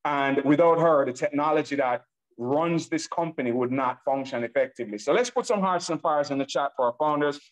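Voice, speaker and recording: This webinar presenter from Nigeria speaks fairly quickly in a fairly high voice, captured in low quality. Enthusiastic and full of hype, he pitches a product over a laptop video call, says things more than once, and keeps addressing his audience as ladies and gentlemen.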